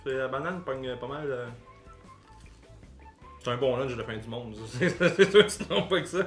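A man's voice: mid-range voice, normal speed. Québécois man talking with mouth full. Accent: Québécois French. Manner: swears freely, chuckles between bites. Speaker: vlogger tasting food. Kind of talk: casual taste-test chat. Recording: echoey room, faint music.

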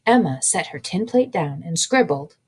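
A woman librarian reading a children's picture book aloud in a slow, expressive way. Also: fairly low pitch, husky.

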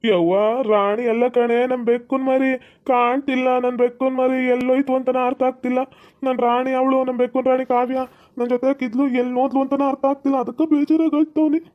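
A woman's voice: on the high side, fairly even intonation, quick pace, highs cut off, natural voice. A woman playing a distraught young village man who has lost his cat, whiny and tearful.

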